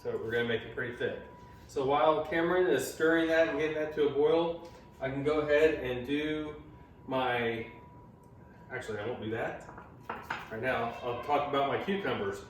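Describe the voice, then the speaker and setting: A man's voice: mid-range voice, normal speed, long pauses. A man, a father, giving a chatty, explanatory home cooking demonstration with some teasing. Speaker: home cook and channel host, a father. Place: home kitchen. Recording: echoey room, mic far off, faint noise.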